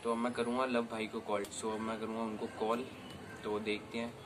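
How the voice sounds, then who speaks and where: Recorded outdoors on a camera mic with plenty of noise, a young vlogger casually chats while making prank calls. His voice is lowish, completely flat, and a little fast.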